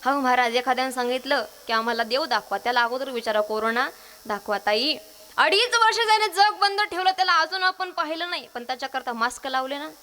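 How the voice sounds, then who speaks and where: A woman's voice: high-pitched, brisk, bright, forceful tone. A woman kirtankar from Maharashtra, giving a devotional sermon to a women's gathering, quizzing the crowd and singing verses. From Maharashtra, India. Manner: call-and-response, quizzing the audience, sings verses. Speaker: kirtankar preacher.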